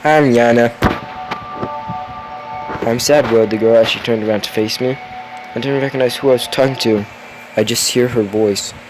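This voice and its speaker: A man's voice: medium pitch, fairly even intonation, fairly quick, music in the background, rough recording. A tired young man reading a spooky story aloud, yawning, with chatty asides and the odd curse. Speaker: story reader.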